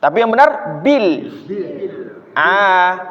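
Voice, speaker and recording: A male Quran teacher leading a recitation drill. He sounds out syllables slowly, chants them for a group to repeat, and patiently corrects their pronunciation. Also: high voice, very animated. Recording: echoey hall, dull lo-fi sound.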